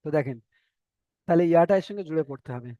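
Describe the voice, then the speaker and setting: A male teacher, giving a step-by-step recitation lesson, spelling out letters slowly and repeating syllables. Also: on the high side, lively intonation, warm tone, dry recording, muffled recording. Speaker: Quran reading teacher.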